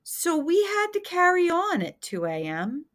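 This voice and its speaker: A woman's voice: extremely high pitch, huge pitch swings, measured pace, a bit bright. A woman hosting her own podcast, talking in an earnest, confessional way in a reflective personal monologue. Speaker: podcast host.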